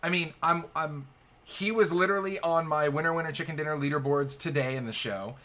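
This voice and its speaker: Upbeat bright-voiced male host. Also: a little high, brisk. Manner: upbeat, encouraging, uses dude and man. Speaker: show host. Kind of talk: casual show chat.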